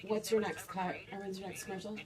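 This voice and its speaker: A woman's voice: medium pitch, level tone, fast talker, a crowd in the background. A woman co-hosting a radio show, chatting casually and reading out listener messages in the studio. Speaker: radio co-host.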